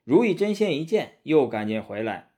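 A man narrating a storybook tale in an animated, dramatic way. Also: on the high side, moderate pace.

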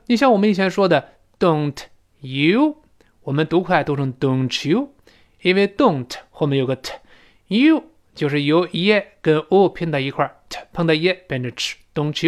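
A man teaching English to Chinese learners in a lively spoken-English lesson, often acting out little scenes in a raised voice. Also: on the high side.

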